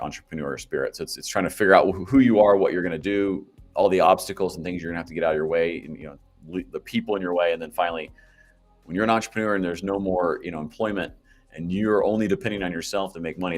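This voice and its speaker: A man being interviewed as a guest, talking in a rambling, jokey way with frequent restarts. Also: deep voice. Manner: rambling, self-correcting, jokey. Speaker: podcast guest and marketing company founder. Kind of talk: casual interview chat.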